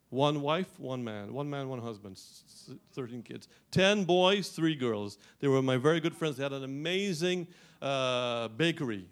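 A middle-aged man from Guyana preaching a sermon as pastor, animated, with frequent restarts and rising emphasis. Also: mid-range voice.

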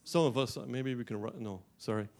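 A middle-aged man from Guyana preaches to his congregation in an animated way. His voice sits at an everyday middle pitch, and he often restarts phrases before building to emphatic peaks. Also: brisk. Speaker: pastor. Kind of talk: sermon.

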